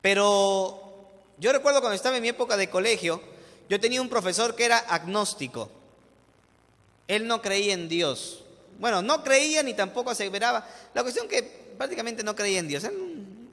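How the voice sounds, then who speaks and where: A young Peruvian man in his twenties preaches from the pulpit, telling stories in a lively way. His voice sits high and rings bright and forceful. The sound rolls out in a long church reverb. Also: normal speed. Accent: Peruvian Spanish. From Peru. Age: 20s. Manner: animated storytelling preacher, addresses listeners as "hermano". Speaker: pastor. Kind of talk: sermon.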